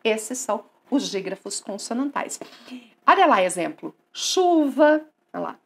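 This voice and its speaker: Lively woman teaching grammar. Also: fairly high pitch, a little slow, vocal fry. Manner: lively, coaxing, asks and answers her own questions. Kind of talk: online grammar lesson.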